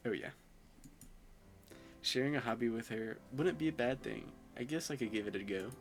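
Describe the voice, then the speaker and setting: A man's voice: mid-range voice, normal speed, faint music behind. A young man playing a visual novel, reading the narration aloud and mixing in chatty, self-mocking asides. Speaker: gamer.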